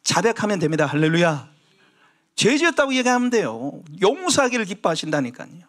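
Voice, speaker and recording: A male pastor delivers a Sunday sermon in a fairly high voice. He preaches with animation, rising for emphasis and sinking into soft, pleading tones. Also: fairly quick. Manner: animated preaching, dropping to hushed tones when voicing Jesus's pleas.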